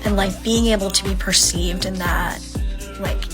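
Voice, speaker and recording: A young woman speaks in a quick, chatty way, scattering "like" through her sentences. Her voice sits at a middling pitch, and clear music plays underneath her. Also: steady tone. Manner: quick, chatty, filler-heavy. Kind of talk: casual talking vlog.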